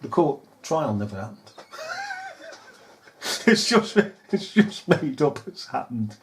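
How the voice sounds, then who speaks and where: A man's voice: medium pitch, big pitch swings, takes it slowly, a little hiss or hum. A man giving a casual, sarcastic commentary over news footage, mocking and often laughing. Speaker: video commentator.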